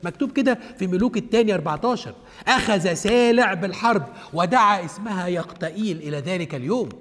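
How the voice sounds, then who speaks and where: Fast, high-voiced Egyptian Bible teacher. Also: male voice, lively intonation, fairly bright tone, in a large hall. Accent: Egyptian Arabic. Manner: asks himself questions and answers them; explains step by step, repeating key points.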